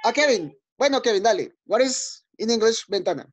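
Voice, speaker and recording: A male teacher leading an online class for young children. He is patient and encouraging, repeating each word slowly and checking in often. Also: extremely high pitch, animated. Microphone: video call. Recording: dull lo-fi video call audio.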